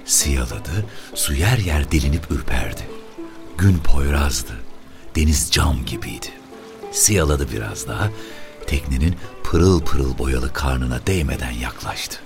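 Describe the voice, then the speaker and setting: A man narrating a short story aloud in a lively, expressive reading. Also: very deep voice, a little slow, over music.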